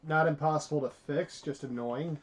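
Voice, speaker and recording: A man's voice: a little high, moderate pace, slight background noise. A man in casual unboxing chat, talking with upbeat enthusiasm and casual hedges. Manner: upbeat, enthusiastic, hedging with "I feel like". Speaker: co-host.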